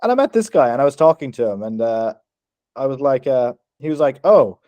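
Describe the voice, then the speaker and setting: An Irish man co-hosting a podcast, telling animated stories, acting out quotes and swearing freely. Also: mid-range voice, fairly quick, dry recording. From Ireland. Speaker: podcast co-host. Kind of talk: casual storytelling chat.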